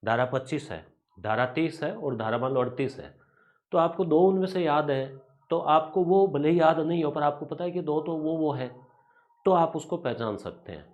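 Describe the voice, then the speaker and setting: A man's voice: fairly high pitch, normal speed, darkish tone. A male teacher giving an exam coaching lecture, chatty and informal, repeating rhyming memory tricks.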